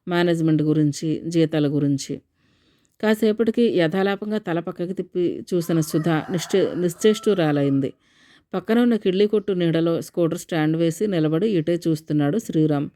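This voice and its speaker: A woman narrator reading a novel aloud in a measured storytelling manner. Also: fairly low pitch, warm tone. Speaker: audiobook narrator.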